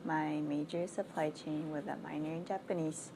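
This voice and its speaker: Frank, low-pitched young woman from Thailand. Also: fairly even intonation, moderate pace, noisy background. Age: 20s. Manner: frank and chatty, with frequent "like" fillers. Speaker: international student interviewee. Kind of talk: candid casual interview answers.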